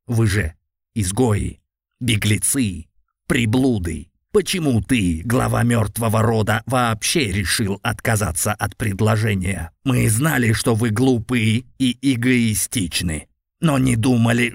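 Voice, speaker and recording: A man's voice: lowish voice, slow pace, vocal fry, husky, no room sound, clean studio sound, full character voice. A man voicing a huge, contemptuous cat-like demon lord in an audiobook, with a lazy, scornful, slightly growling delivery. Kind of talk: audiobook character voice.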